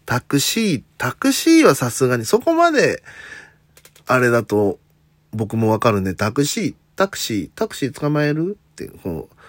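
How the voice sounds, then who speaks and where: A man's voice: mid-range voice, dry recording. A man from Osaka talking casually in a solo podcast, mostly in standard Japanese with faint Kansai traces, chatty and self-deprecating. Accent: slight Tokyo-leaning standard Japanese with faint Kansai traces. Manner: chatty, self-deprecating, frequent "un" fillers and joking asides. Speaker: comedian hosting a solo talk podcast.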